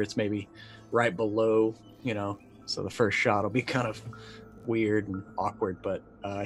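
A middle-aged man with a lowish, fairly bright voice plays a tabletop roleplaying game over a video call from an indoor room. He narrates casually, thinking aloud in hesitant bursts.

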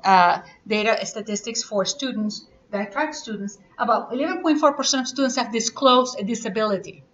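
A woman giving a live workshop presentation, chatty and quick to ask the audience questions. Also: fairly high pitch, a bit bright. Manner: chatty, asks audience questions, laughs often. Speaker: conference presenter. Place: conference room. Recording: echoey, muffled room recording.

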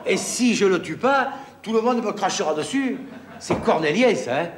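Brief: a hesitant son turned braggart; slightly high voice, roomy studio sound. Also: male voice, expressive, normal speed. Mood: musing. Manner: hesitant, then boastful and mock-heroic. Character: young son torn over a duel, mock-heroic. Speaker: sitcom actor playing Rodrigue in a parody.

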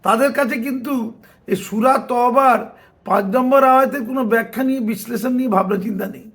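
Man, political commentator, sarcastic, high-pitched, gravelly. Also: brisk, fairly bright tone. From West Bengal. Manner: sarcastic, argumentative, mocking asides. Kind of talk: opinion commentary.

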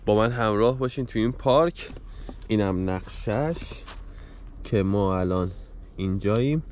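A man's voice: lowish voice, darkish tone. A man in his thirties giving casual travel vlog commentary into a handheld camera while showing places around him. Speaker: travel vlogger. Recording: dull sound with ambient noise.

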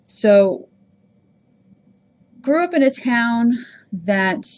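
This podcast host from Rhode Island, USA, talks about herself in a relaxed, chatty, self-reflective monologue. Her voice is lowish with vocal fry, she has no regional accent, and the audio sounds muffled.

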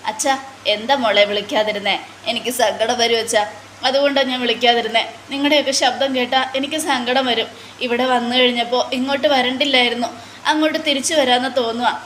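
A woman's voice: a little high, fairly even intonation, quick pace, a bit bright, echoey room, a little hiss or hum, close to an everyday voice. A woman voicing a homesick young woman away at police training, speaking in a tearful, plaintive way.

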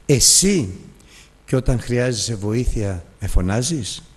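Husky-voiced man preaching in a hall. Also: medium pitch, animated. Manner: emotional storytelling, acts out dialogue. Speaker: Bible teacher. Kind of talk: sermon.

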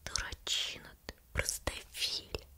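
A woman's voice: a little slow, bright, forceful tone. Storybook old peasant wife, woman reader: greedy, bossy, scolding, whispered role-play. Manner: bossy, quarrelsome.

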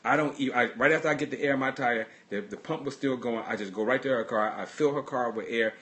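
A man pastor preaching in a casual livestreamed sermon. His voice sits in an ordinary middle register. He talks earnestly through personal stories, halting and repeating words as he goes. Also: medium pitch, a bit bright. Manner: earnest storytelling.

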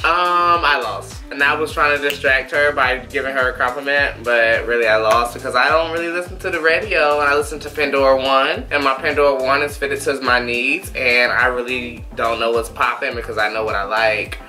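A man in his twenties bantering casually in a tipsy, sassy, animated and playful way during a drinking game. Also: mid-range voice, a little fast, few pauses, soft background music. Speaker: guest in a drinking challenge. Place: living room couch, indoors. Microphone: camera a few feet away.

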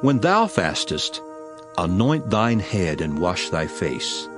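Playing a solemn, authoritative preacher, this actor gives a heavily acted, sing-song declamation of a dramatized King James Bible passage, measured and emphatic. His voice sits low, and music plays beneath it.

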